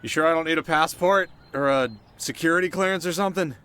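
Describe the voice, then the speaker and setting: With music in the background, a man speaks straight to the listener as a cocky, teasing delinquent teenage boy in one-sided ASMR roleplay dialogue. His voice is a little high, fast, bright, forceful and clean. He sounds casual, wry and sarcastic, teasing and skeptical, occasionally flustered.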